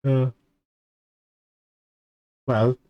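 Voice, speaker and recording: A man streamer chatting casually on a livestream, halting and hesitant, often repeating his words. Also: medium pitch, flat delivery, no room sound, muffled recording. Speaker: streamer hosting a debut stream.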